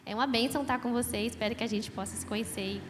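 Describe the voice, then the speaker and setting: A woman's voice: on the high side, very fast. A woman from Brazil, a missionary's wife, introducing herself plainly to a congregation and correcting herself as she goes. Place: church hall. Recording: echoey church hall, faint noise.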